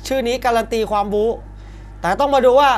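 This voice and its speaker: A man's voice: very high voice, fast. A man doing live play-by-play of a Muay Thai bout in punchy short calls with exclamations. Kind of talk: live sports commentary. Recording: broadcast with arena crowd noise behind. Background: faint fight-arena ambience.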